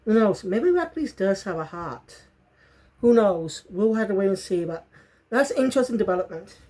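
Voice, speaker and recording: A woman's voice: mid-range voice, animated, moderate pace, dark tone. Casual rambling woman reviewing a show. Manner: rambling, self-correcting, bursts into fits of laughter.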